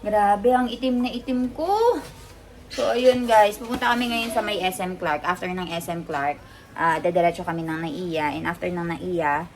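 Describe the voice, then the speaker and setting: A woman's voice: fairly low pitch, fairly even intonation, moderate pace, a little hiss or hum. A woman talking casually in a travel vlog, chatting to her viewers from her phone as she heads out on a trip and mixing English into her talk. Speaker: vlogger.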